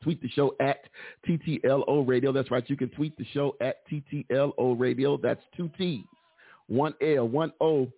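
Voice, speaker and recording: A man's voice: mid-range voice, fairly even intonation, moderate pace, husky, dry recording. A man hosting a live call-in radio show, running through promos with repeated phrases for emphasis and folksy, church-flavoured asides. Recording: narrow, phone-like radio sound.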